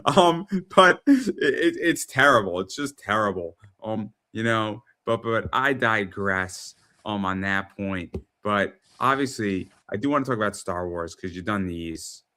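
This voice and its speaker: A man in his thirties hosting a casual interview, who often repeats words in quick, excited bursts. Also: fairly low pitch. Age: 30s. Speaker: host.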